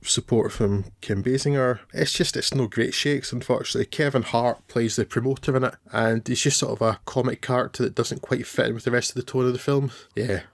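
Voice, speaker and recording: A man's voice: mid-range voice, fairly even intonation, a little fast, gravelly, few pauses. A man co-hosting a film podcast, giving loose, rambling opinions with hesitations and some laughs at himself. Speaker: podcast co-host. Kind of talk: casual film review chat.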